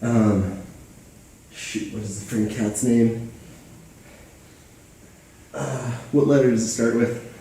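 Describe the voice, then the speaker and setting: A man's voice: medium pitch, fairly even intonation, slow pace, pauses often, dark tone, slight background noise. A man answering trivia during a workout, hesitant, thinking aloud and muttering mild curses. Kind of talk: casual chat during a live workout. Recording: echoey room, mic at a distance.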